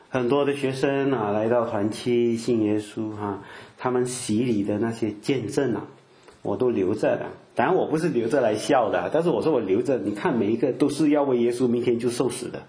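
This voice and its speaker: A man's voice: on the low side, a little mellow, echoey room. An older man giving a conversational sermon, full of filler particles and acted-out quotes. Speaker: preacher.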